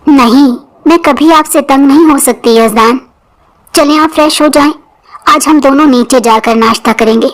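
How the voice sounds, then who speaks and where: A woman voicing a patient young bride who speaks softly and gently. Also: high-pitched, natural voice. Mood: gentle. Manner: soft and gentle.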